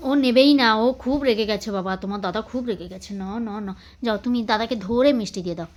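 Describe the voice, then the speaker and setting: A woman using playful, coaxing baby talk with small children at home. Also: fast talker. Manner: sing-song, coaxing, teasing, high-pitched. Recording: noisy home recording.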